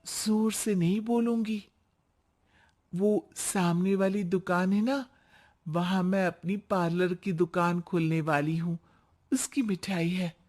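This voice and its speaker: Shweta, a chatty young wife. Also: female voice, fairly low pitch, steady tone, slow, darkish tone. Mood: hopeful. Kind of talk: cartoon voice acting.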